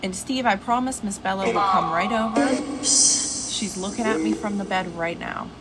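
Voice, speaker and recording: A woman livestream host talks in a casual, chatty way from inside her home, with a medium-pitched voice. She often addresses people by name, and a clear layer of noise runs behind her on the stream. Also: moderate pace. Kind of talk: casual livestream chat with viewers. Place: at home indoors. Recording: noisy livestream with steady background hiss.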